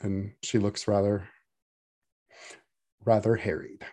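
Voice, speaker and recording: A man's voice: fairly low pitch, level tone, slow, mellow. A man narrating as game master, describing scenes and acting out characters in a casual, easygoing way. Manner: casual, with restarts and fillers.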